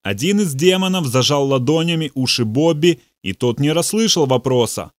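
A man narrating an audiobook in a measured, steady storytelling voice. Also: on the high side, no room sound, studio quality. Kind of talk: audiobook reading.

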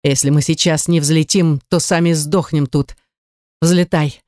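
Gruff cynical man, swearing, curt, mid pitch, dark tone, dry close sound, read by an audiobook narrator. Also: steady tone, a little slow, dry recording, natural voice. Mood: urgent. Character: coarse cynical adult man, a fighter. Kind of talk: audiobook character reading.

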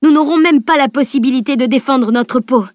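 A woman's voice: high voice, fairly quick, no room sound, clean studio sound, voice pushed up, natural voice. A woman reading the lines of a grumbling male ship captain in an audiobook. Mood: grim. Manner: gloomy, cursing.

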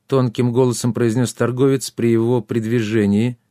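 A man reading a fantasy novel aloud as an expressive audiobook narrator. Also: mid-range voice, moderate pace, no echo, clean studio sound. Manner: expressive, acts out all characters.

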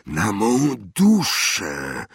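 A man voicing an old innkeeper who speaks slowly in a hushed, awed voice. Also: fairly low pitch, huge pitch swings, husky, dry recording, studio quality, full character voice. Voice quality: slow, hushed.

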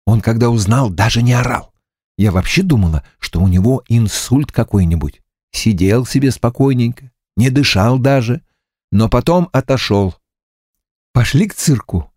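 A man reading a novel aloud in an expressive, ironic storytelling style. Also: medium pitch, moderate pace, no echo, clean studio sound. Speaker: audiobook reader. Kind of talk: storytelling narration.

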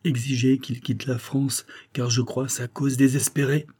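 A man voicing an earnest young cavalry officer who confides in a low, urgent way. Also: flat delivery, a little slow, darkish tone, slightly rough.

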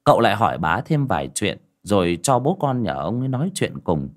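A man narrating a ghost story audiobook with expressive storytelling. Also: fairly low pitch, a little fast. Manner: storytelling with expressive rises and falls. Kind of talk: scripted narration.

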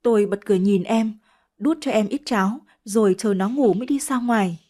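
A woman's voice: medium pitch, a little fast. Woman narrating a story. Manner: steady, emotional storytelling in first person. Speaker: audiobook narrator.

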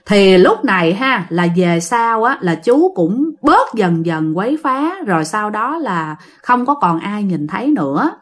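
A woman's voice: medium pitch, sing-song, a little slow, few pauses. A woman telling a ghost story in a chatty way, often speaking straight to her listeners. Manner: chatty, addresses listeners directly. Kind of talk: casual spoken ghost story told to listeners.

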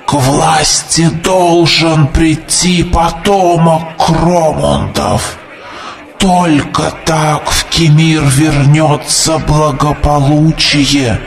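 A man as a creaky, dusty-voiced old prophet. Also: a little high, flat delivery, very slow, far from the mic, heavily acted. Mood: prophetic. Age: older. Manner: solemn preaching to a crowd, rising to shouts. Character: ancient grey-haired male prophet, fervent and doom-laden. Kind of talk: audiobook character voice. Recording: voice over music.

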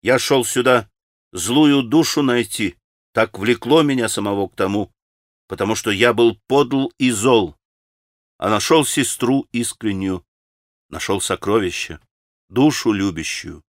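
A male audiobook reader plays a gentle young man who speaks quietly but firmly. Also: on the low side, unhurried, dry recording, studio quality, lightly acted. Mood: earnest.

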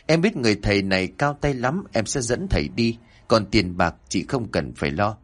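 A man's voice: on the low side, animated, normal speed. A man doing an urgent, anxious sister-in-law.

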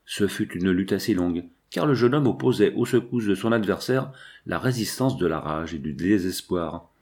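A man reading a classic novel aloud in a measured, dramatic narration. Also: deep voice, lively intonation, a little mellow. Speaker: audiobook reader. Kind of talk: literary narration.

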